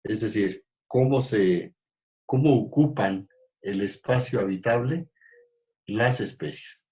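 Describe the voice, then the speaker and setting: A man gives an ecology lecture in a fairly low voice. He talks in halting stretches, full of fillers and restarts. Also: a little mellow. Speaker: ecology teacher. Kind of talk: recorded class lecture.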